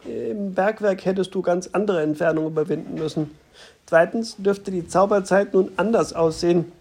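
A narrator voicing a calm, patient man who explains things steadily, in an audiobook reading. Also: mid-range voice, normal speed, breathy edge. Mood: grave.

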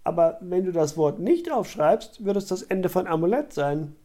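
A reader voicing an ancient blind stargazer, gently insistent. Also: mid-range voice, expressive, normal speed, natural voice. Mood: coaxing.

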